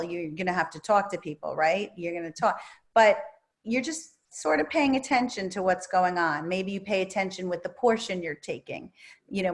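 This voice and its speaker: At a virtual book talk, a female therapist and writer responds to questions in a soothing, calm way, punctuated by lively emphasis, with a medium-pitched voice.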